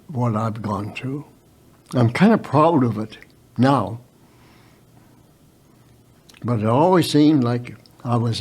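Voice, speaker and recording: Very old man, slow and halting. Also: medium pitch, a little mellow, breathy edge. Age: very old, around 100. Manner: halting, with repeated words and stammered starts. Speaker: war veteran guest. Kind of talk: unscripted personal storytelling.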